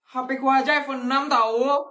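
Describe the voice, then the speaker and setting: Snooty, sneering young bully, played by a woman; high and roomy. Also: steady tone, a little fast, bright, forceful tone. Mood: mocking. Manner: sneering, taunting. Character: snobbish mocking schoolgirl bully.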